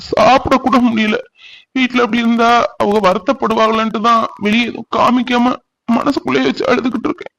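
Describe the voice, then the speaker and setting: A brooding, heartbroken young villager, voiced by a man,. His cartoon voice sits fairly high and comes out mournful, pleading and slow with tears. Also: fairly bright tone, lightly acted, low-quality recording. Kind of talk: cartoon voice acting.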